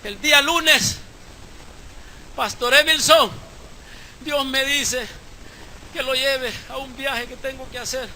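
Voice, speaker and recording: A man preaches at a church service, his voice pitched very high for a man. He tells his story quietly, then rises to fervent, shouted exhortation. The live recording carries a clear layer of background noise. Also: fairly even intonation, slow pace, long pauses. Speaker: pastor. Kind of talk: sermon.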